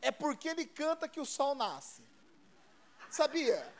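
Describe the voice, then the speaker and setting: Brazilian male pastor, high voice, chatty folksy sermon delivery with lots of repetition. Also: big pitch swings, a little slow, a little hiss or hum. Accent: Brazilian Portuguese. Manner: conversational, repetitive, folksy storytelling. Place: church service.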